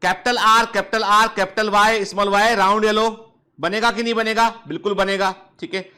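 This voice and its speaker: High, bright-voiced male biology teacher. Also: fairly even intonation, normal speed, smooth. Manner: drills students with repeated questions, joking and scolding playfully. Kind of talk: online lecture. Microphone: touchscreen device close up.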